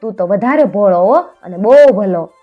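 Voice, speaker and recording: A woman's voice: mid-range voice, animated, normal speed, highs cut off, faint music behind, close to an everyday voice. A woman doing a weeping jamun tree. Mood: soft, pitying. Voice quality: sing-song, tearful.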